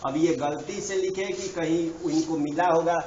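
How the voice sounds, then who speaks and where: A man teaches a grammar lesson in a fairly high voice. He repeats key terms and keeps reminding the listener to pay attention. The recording is dull and lo-fi. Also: steady tone, normal speed, darkish tone, a little hiss or hum. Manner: repetitive, checks understanding with asides.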